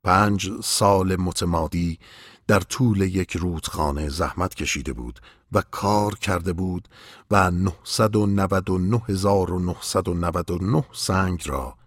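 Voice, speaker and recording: A man narrating an audiobook in a measured, expressive reading voice. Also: low-pitched, no echo, studio quality. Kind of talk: scripted narration.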